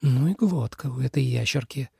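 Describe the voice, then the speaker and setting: A man's voice: high-pitched, expressive, moderate pace, dark tone, dry recording, clean studio sound, voice pushed up. A man voicing a cheeky female snake spirit. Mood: grumbling. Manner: blunt, cheeky retorts.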